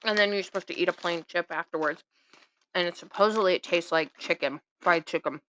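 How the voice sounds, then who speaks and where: A woman's voice: on the low side, fairly quick, fairly bright tone, slight background noise. A young woman co-hosting a casual podcast, upbeat and blunt, swearing freely. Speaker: podcast co-host. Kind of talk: casual chat.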